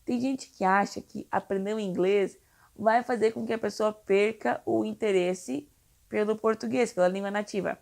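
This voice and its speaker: A woman's voice: mid-range voice, fairly even intonation, normal speed, vocal fry, darkish tone. A young woman from Brazil, an English teacher for children, explaining in a chatty, reassuring way with frequent tag questions. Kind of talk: casual explainer video.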